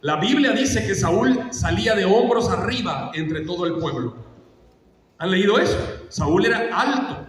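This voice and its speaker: High-voiced preacher in an echoing hall. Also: male voice, a little slow. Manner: animated storytelling, addresses congregation. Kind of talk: sermon. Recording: echoey church hall, mic far off.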